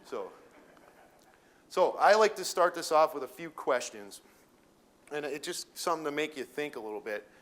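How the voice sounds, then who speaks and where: Pitched on the high side and animated, this middle-aged man's voice has a slightly bright quality and moves at a normal speed, broken by long pauses. Originally from Detroit, Michigan, he sells welding equipment and speaks with a Minnesota accent. He's addressing educators in front of an audience in a casual, meandering way, with lots of fillers and restarts.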